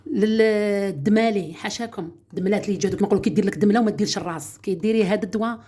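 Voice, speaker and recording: A woman's voice: medium pitch, rapid-fire, dark tone. A woman with an Algerian Arabic accent, demonstrating a home remedy in a chatty, casual way and often addressing her viewers as sisters.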